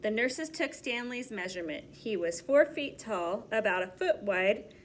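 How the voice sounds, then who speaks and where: A woman with a medium-pitched, expressive voice reads a children's story aloud with feeling. She stops now and then to explain things in simple terms for her young listeners.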